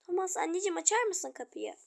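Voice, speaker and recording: Girl voicing a high coaxing cartoonish mother. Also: sing-song, quick pace, creaky, exaggerated voice. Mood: pleading. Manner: coaxing, scolding. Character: fussy caring mother of sulky kids. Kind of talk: toy role-play voicing.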